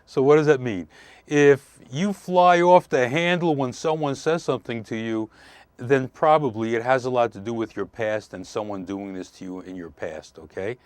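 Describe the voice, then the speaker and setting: A man's voice: medium pitch, normal speed, darkish tone, clear, resonant tone, dry recording. A man who works as a relationship counselor hosting a live call-in show, explaining earnestly and repeating his key points.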